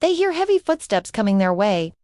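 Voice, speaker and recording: A woman's voice: medium pitch, big pitch swings, fairly quick, mellow, no echo, clean studio sound. A woman narrating a storybook and reading every part and cue aloud.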